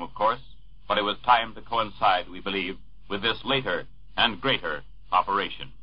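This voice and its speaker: Reading the news at medium pitch, this male newscaster sounds husky and a bit breathy, keeping a formal, measured delivery from the studio. His bulletins arrive through a muffled 1940s radio recording whose highs are rolled off, giving it a dull, old broadcast quality.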